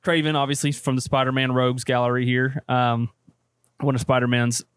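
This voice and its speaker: A man's voice: mid-range voice, flat delivery, brisk, clear, resonant tone, no echo. A man co-hosting a casual movie podcast, talking with enthusiasm and plenty of fillers. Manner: enthusiastic, chatty, many fillers. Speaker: podcast co-host.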